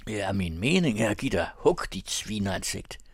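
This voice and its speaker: A man voicing a brash, scornful young farmer's son who shouts taunts as he picks a fight. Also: lowish voice, big pitch swings, slightly rough, dry recording. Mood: taunting. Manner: loud and taunting.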